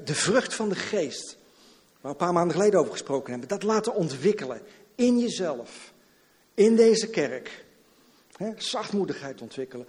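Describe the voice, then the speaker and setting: A man preaching a sermon to his church, lively and repetitive, slipping in English catchphrases. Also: high-pitched, in a large hall. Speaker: pastor. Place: church hall.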